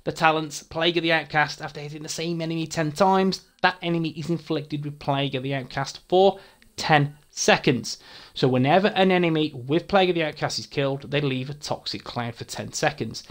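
A man's voice: fairly high pitch, fairly quick. A young man, a gaming channel host, eagerly walking through his game character's gear with casual swearing and frequent stumbles over words. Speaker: gaming YouTuber. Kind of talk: game build walkthrough.

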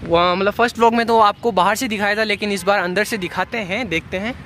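Walking through city streets and a market, a young man narrates his travel vlog in a quick, bright, fairly high voice, chattily calling his viewers "guys" and saying "chalo" again and again. He films on a handheld phone at arm's length outdoors, with music under the audio and a little hiss or hum.

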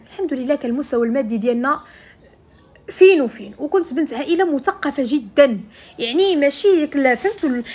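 A woman's voice: sits high, a little mellow, husky. A woman with a Moroccan accent telling a personal story in the first person, conversationally, speaking straight to her female listeners.

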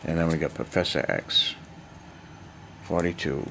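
Low-voiced older man rambling through his hoard. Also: unhurried, vocal fry. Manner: rambling, chatty, listing items one by one. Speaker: collector showing his hoard. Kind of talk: casual unboxing vlog. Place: cluttered basement storage room. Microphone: handheld camera mic. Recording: noisy home camera audio.

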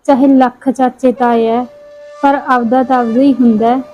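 A woman playing a caring mother who gently coaxes and consoles her daughter in an amateur short film, repeating endearments. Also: high-pitched, level tone, moderate pace, natural voice. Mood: wistful. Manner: soothing, coaxing, repeats endearments. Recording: dull lo-fi sound, faint music.

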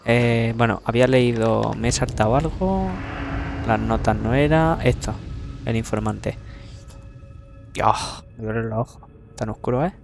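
A man's voice: medium pitch, unhurried, vocal fry, long pauses. A young man from Spain giving casual let's-play commentary, chatty and self-mocking, swearing casually as he goes. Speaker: gameplay commentator. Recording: game music playing loudly behind.

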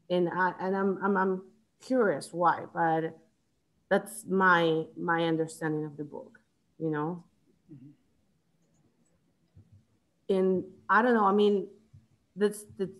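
A woman's voice: lowish voice, rough recording. A woman in her thirties from Chile, leading a book club discussion over a video call from home, thinking aloud with frequent restarts. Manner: thoughtful, restarts often, gestures while talking. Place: home room, indoors. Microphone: video call webcam.

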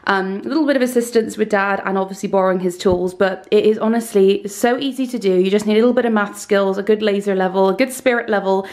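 A woman in her twenties from the UK, chatting enthusiastically on camera as she shows off her room, recorded on a handheld camera in a small bright room. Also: mid-range voice, fast, hardly any pauses. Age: 20s. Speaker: beauty YouTuber. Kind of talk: casual room tour vlog.

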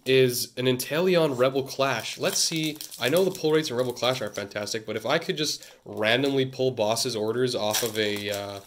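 Man from Canada, casual card-opening vlogger, deadpan humor, average pitch. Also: slight background noise. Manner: wry, deadpan asides, mock rants. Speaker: YouTuber opening trading cards.

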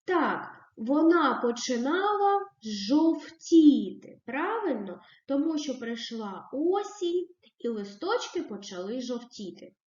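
A woman teacher giving a recorded reading lesson to young children, asking questions and praising the answers in a slow, sing-song way. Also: sits high, sing-song, a little mellow, reverberant, highs cut off. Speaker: primary school teacher.

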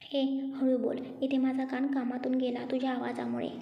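A woman's voice: sits high, monotone, normal speed, creaky. A woman voicing a cocky, bossy young man who likes to tease, in a story. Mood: mocking. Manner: mocking, bossy. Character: cocky teasing young man, a rich boss. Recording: dull echoey room.

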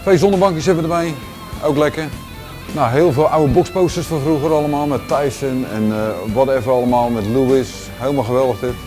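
A man in his forties with a Rotterdam Dutch accent, giving a relaxed walking tour of his large indoor gym, talking casually with lots of fillers and restarts. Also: medium pitch, a little fast, over music. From Netherlands. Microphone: handheld camera following him.

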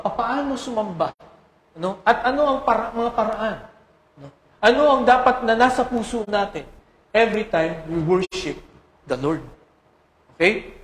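A male pastor preaches and prays in a fairly high voice. He often breaks in with tag questions and hesitant fillers. The roomy echo of a church sanctuary carries his words. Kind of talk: sermon with prayer and scripture reading.

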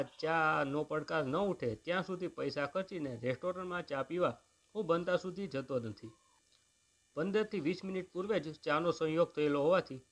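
Guy reading a funny short story out loud, kinda high voice, steady and expressive. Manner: measured, expressive first-person storytelling. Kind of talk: scripted narration of a humorous short story.

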